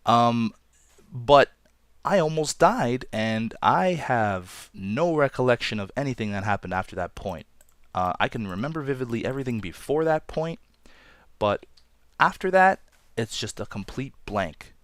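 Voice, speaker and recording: A man's voice: medium pitch, expressive, measured pace, fairly bright tone, no echo. A man from Toronto hosting a Let's Play, telling a story in a chatty, rambling, self-deprecating way over gameplay. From Toronto, Canada.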